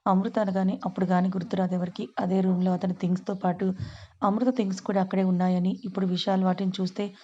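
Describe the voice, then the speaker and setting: A woman narrating an audio story in a steady, even storytelling manner. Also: medium pitch, fast, muffled recording.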